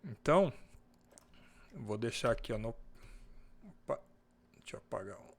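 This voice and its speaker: Slow, patient Brazilian teacher man. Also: mid-range voice, sing-song, gravelly. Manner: slow and patient, drawing out English example words. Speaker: English teacher. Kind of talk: online class teaching English grammar in Portuguese. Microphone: computer mic on a video call.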